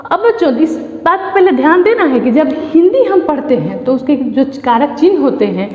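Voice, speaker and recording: A woman from Bihar with an Indian accent teaching a Sanskrit class online, reciting word forms in slow, deliberate drills. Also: sits high, big pitch swings. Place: classroom or school room. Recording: echoey room, dull lo-fi sound.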